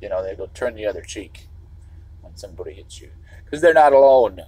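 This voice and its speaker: A man's voice: lowish voice, lively intonation, a little fast, a little mellow, dry recording, rough recording. A man from the Chicago area, talking in a rambling livestream monologue while driving. He swears freely and keeps restarting sentences. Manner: meandering, restarts, swears often.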